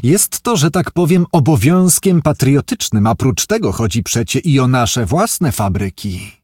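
A man voicing a wealthy industrialist, talking in an emphatic, excitable way, pitched above his own voice. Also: a little slow, husky, no echo, clean studio sound. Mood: scheming, gleeful. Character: wealthy middle-aged male industrialist, flustered and calculating.

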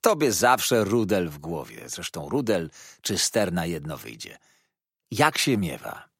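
Hearty young fisherman, cheering and loud, voiced by a male reader, husky, dry sound. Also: low voice, huge pitch swings, measured pace, no echo, heavily acted. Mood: jolly. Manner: loud, exclamatory.

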